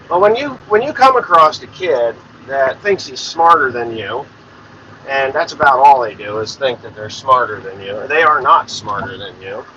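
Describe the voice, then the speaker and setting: Medium in pitch and a bit bright, the man's voice comes through lo-fi with slight background noise. He's a forties-aged farmer running his own podcast, talking casually and swearing a lot as he rambles from inside a vehicle.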